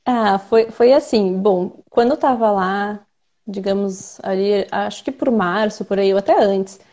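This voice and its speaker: A woman's voice: medium pitch, steady tone, measured pace, dark tone. A young adult woman with a Brazilian accent, a researcher and translator, explaining her work at length in a casual interview. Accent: Brazilian Portuguese. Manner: thoughtful, explains at length with many fillers.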